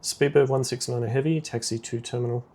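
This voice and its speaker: With a creaky, mid-range voice, this man runs air traffic control in a simulator game, delivering clipped, by-the-book radio commands. His tone is steady and darkish, and he speaks a little fast.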